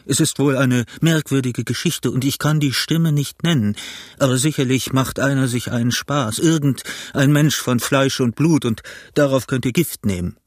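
A man voicing a scheming pirate captain, gruff and blustering, in an audiobook reading. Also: mid-range voice, moderate pace, dry recording, studio quality, natural voice. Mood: uneasy, reasoning. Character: scheming one-legged pirate captain, bold and cunning.

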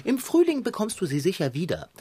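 A woman voicing a lofty, wordy, sly male pirate cat in a children's radio play, with a husky voice. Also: fairly low pitch, huge pitch swings, brisk, dark tone, full character voice. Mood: wry. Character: pompous, lazy male pirate tomcat. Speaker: sidekick cat.

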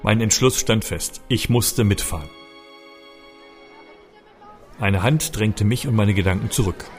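A man with a lowish voice reads a story aloud at a moderate pace, narrating with expression and a sense of urgency. It's audiobook narration, with faint music in the background.

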